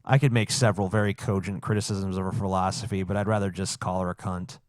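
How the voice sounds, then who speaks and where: A male podcast co-host with a fairly low voice. He talks casually and gives blunt, profane opinions. The sound is very dry. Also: little pitch movement, fast talker, dry recording.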